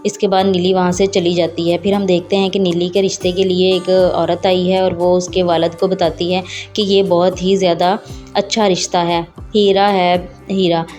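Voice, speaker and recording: A woman retelling the plot of a drama episode in an unhurried recap, with some hesitations. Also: lowish voice, little pitch movement, darkish tone, soft background music. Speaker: drama reviewer.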